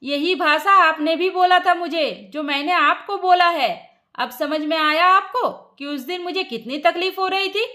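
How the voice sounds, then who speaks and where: A woman's voice: extremely high pitch, a little slow, bright, forceful tone, exaggerated voice. A woman voicing a grieving young daughter-in-law who speaks reproachfully to her mother-in-law. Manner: pointed, reproachful.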